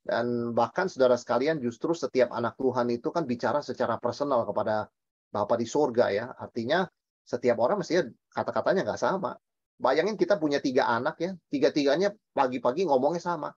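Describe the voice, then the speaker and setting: Lively, emphatic man pastor, dry dull sound. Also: medium pitch, fairly quick, slightly rough, no room sound. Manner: lively, emphatic, asks and answers his own questions; mixes in English words. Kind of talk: Bible study teaching.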